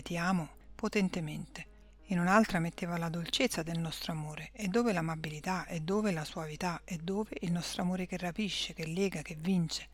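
A woman reading a devotional text aloud in a slow, measured way, some phrases dropping to a whisper. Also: fairly low pitch, a little mellow, dry recording. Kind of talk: devout scripture-style reading aloud.

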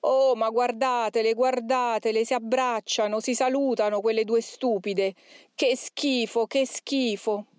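A woman's voice: fairly high pitch, steady tone, unhurried, darkish tone, smooth, dry recording, studio quality, close to an everyday voice. A woman voicing a raging male demon who screams, mocks and sobs with rage, read aloud from an exorcism account. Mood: mocking.

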